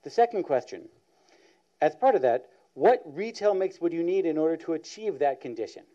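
A man opening a public presentation, laying out questions in a measured way. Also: fairly high pitch, lively intonation, mellow. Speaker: panel moderator. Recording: dull lo-fi sound.

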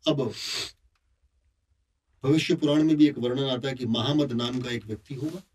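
A man at a religious gathering expounding his view with animated delivery. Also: mid-range voice, normal speed, slightly rough, distant mic. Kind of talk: discussion talk.

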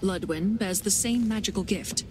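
An actress voicing a vengeful warrior queen in a video game, a grieving mother with iron will who speaks gravely and with command. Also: mid-range voice, moderate pace, close to an everyday voice. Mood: grim, vengeful. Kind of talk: video game character dialogue. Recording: music behind the voice.

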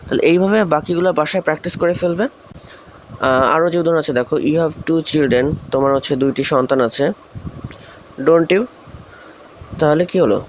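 A man from Bangladesh teaches English grammar in a recorded video lesson, his voice sitting a little high. He keeps asking questions aloud and then answers them himself. The recording is muffled and lo-fi, with a faint hiss underneath. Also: fairly quick, pauses often.

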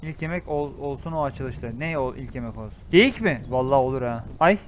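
A young man with a Turkish accent gives casual let's-play commentary, excitable and exclaiming, swinging from loud outbursts to low muttering. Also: a little fast, a little hiss or hum. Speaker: gaming YouTuber.

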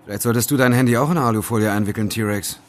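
In a German audio drama, a young adult male actor plays a sceptical, teasing student sidekick, casual and wry. His mid-range voice moves fast, and the acting is light.

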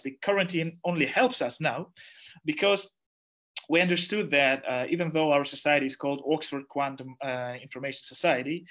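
Speaking through a headset from a small room at home, a young adult Russian-speaking organizer kicks off an online society event on a video call and introduces the speakers. His slightly high voice sounds pushed and bright, and he gestures as he hunts for words.

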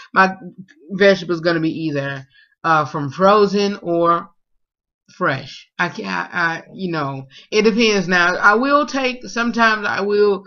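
Reading out food questions and answering them with many fillers, a young vlogger chats casually in a high-pitched, bright, forceful voice. The dull lo-fi audio comes from a webcam close by in a small room of his home.

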